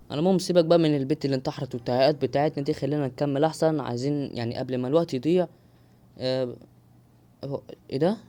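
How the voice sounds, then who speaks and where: A young gaming YouTuber with an Egyptian Arabic accent commentates live on his gameplay, exclaiming and cracking jokes for viewers. His voice is fairly high with a darkish tone.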